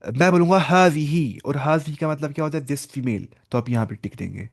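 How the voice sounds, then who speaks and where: A man teaching an online Arabic lesson, saying each word slowly and repeating it with patient explanations. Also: mid-range voice, animated, vocal fry, a little mellow, husky.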